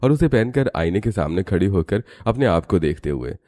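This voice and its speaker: A man narrating an animated cartoon story in a steady storytelling manner. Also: deep voice, normal speed.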